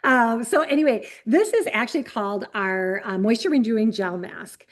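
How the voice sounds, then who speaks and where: A woman's voice: fairly high pitch, lively intonation, normal speed. A woman in her fifties, a skincare consultant giving a live product demonstration and coaching viewers directly in an earnest way. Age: 50s.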